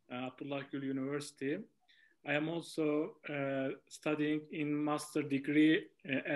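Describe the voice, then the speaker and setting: A man working as a research assistant introducing himself on a panel, formal with some hesitations. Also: fairly high pitch.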